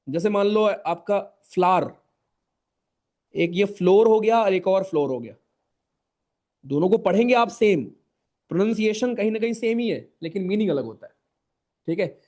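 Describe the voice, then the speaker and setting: The high-pitched, animated voice of a young Hindi-accented teacher has a darkish tone, a normal speed, and frequent pauses. Running an informal online class, he chats with students as brothers and friends, repeats key points, and often asks "right?"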